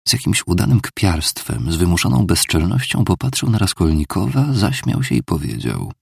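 A man reading literary prose in a very low, gravelly voice with a husky edge. His measured delivery sits dry and close to the mic, with no room sound. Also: very animated, no echo. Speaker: audiobook narrator. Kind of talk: scripted literary narration.

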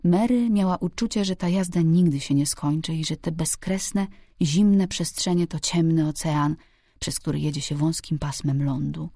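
A woman reading a novel aloud as an audiobook narrator, calm and even. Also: deep voice, normal speed, no room sound, studio quality. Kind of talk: scripted narration.

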